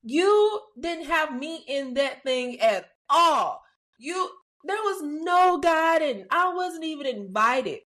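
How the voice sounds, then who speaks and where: God scolding like a parent, lady doing the voice, chiding, kinda high and swoopy. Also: expressive, slow, fairly bright tone, heavily acted. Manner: chiding, matter-of-fact.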